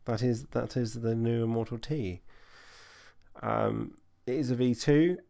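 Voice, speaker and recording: A man's voice: mid-range voice, a little slow, gravelly, dark tone. A man chatting casually on a live stream as he builds a racing drone, answering viewer questions while he works.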